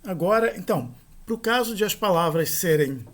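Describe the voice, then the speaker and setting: A man, teaching a grammar lesson in a methodical way, repeating terms and slowing down on each example word. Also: sits high, animated, a bit bright. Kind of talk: grammar lecture.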